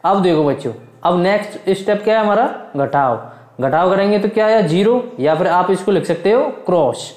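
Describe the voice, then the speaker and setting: A man teaching division to young children. He keeps calling out to them, asks and answers his own questions, and chants multiplication tables slowly. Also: sits high, animated, darkish tone, echoey room. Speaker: math teacher. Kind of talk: classroom lesson for children.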